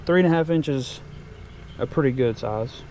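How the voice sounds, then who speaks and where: Recorded on a noisy outdoor camera with the highs cut off, a man at medium pitch and normal speed narrates his fishing vlog beside ponds. His talk is relaxed and full of slang, turning excited whenever he makes a catch.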